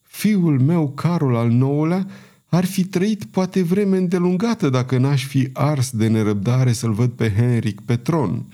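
A man voicing a feeble, dying old queen in an audiobook, speaking slowly in a wheezing, barely audible rasp. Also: medium pitch, dark tone, lightly acted. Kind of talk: audiobook character reading.

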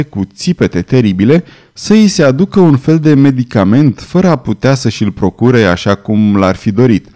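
A man's voice: mid-range voice, dark tone, lightly acted. A man voicing a frightened, loyal male butler who talks in an urgent, pleading way in an audiobook.

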